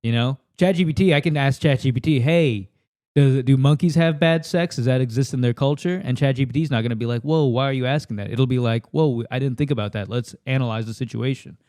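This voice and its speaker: A comedian contestant from the United States does an off-the-cuff, crude comedy rant mocking himself, speaking into a handheld microphone at a house table. His medium-pitched, darkish voice moves at a quick pace, recorded at studio quality with no room sound.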